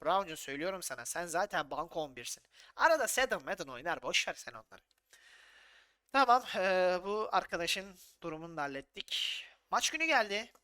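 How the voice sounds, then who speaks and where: A man narrates his football video game session and calls the match himself. His voice is bright and clean. He is excitable and swears freely, scolding his players and then announcing goals like a match commentator. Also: high voice, brisk, smooth. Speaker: gaming YouTuber. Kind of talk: casual gameplay commentary.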